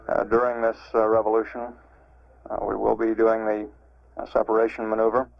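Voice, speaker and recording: An American man giving measured, factual mission status commentary as a public affairs announcer, with hesitant pauses. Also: on the low side, monotone, creaky. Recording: echoey, dull vintage broadcast audio.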